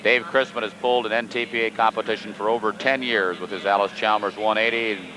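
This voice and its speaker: An American man calling a tractor pull as announcer, with an excitable, folksy commentary manner. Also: fairly low pitch, fast. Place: indoor dirt arena event. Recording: noisy old TV broadcast, engine and arena noise. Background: tractor engines and arena noise.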